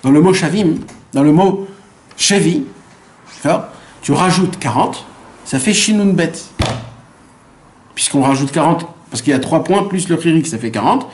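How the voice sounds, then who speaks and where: A man's voice: fairly high pitch, expressive, normal speed, pauses often, a little hiss or hum. A man, a rabbi, teaching a Torah lesson who poses rhetorical questions, answers them himself, repeats phrases for emphasis and drops in Hebrew terms. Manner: mixes Hebrew terms into his speech.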